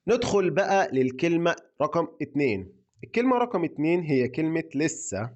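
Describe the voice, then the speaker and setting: A man with an Egyptian accent teaching his dialect, repeating example sentences slowly and clearly for learners. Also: fairly high pitch, sing-song, a little mellow, lo-fi sound. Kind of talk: slow, repetitive language lesson.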